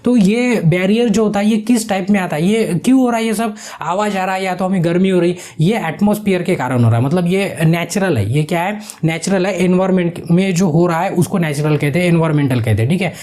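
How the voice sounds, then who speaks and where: A man with a high, mellow voice walks students through quiz answers. He keeps asking questions back to the viewer before giving each answer, in a patient, explanatory teaching manner. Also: a little fast, few pauses. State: sweating from heat. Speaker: online exam-prep teacher.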